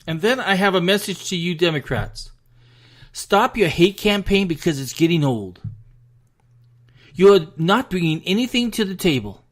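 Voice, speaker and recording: American guy ranting about politics, fed up and a bit breathless, voice sits kinda high. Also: expressive, normal speed. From United States. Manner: frustrated, emphatic ranting to the audience. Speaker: political commentary host. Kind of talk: solo political rant.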